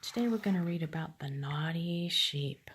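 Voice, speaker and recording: An older woman reading a picture book to her grandchild at home, talking quietly and half-whispering. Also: low voice, normal speed, slight background noise. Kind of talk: hushed storybook reading.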